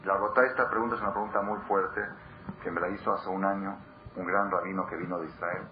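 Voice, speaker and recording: A man's voice: deep voice, fairly even intonation, fast. A man teaching a Torah class, emphatic, repeating words for stress and putting questions to his listeners. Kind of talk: Torah class to a live audience. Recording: dull lo-fi recording with clear background noise.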